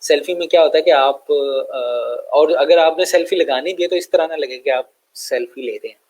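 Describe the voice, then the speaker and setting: A young man with a Pakistani Urdu accent explaining step by step in a screen-share tutorial, relaxed and full of fillers and check-ins. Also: on the high side, normal speed, poor audio. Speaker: online tutor.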